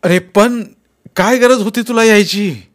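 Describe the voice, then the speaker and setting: A man's voice: a little high, measured pace, pitched above the performer's own voice. A man voicing an elderly father who is frightened and grieving, with a trembling, agitated and tearful delivery. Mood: alarmed. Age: older.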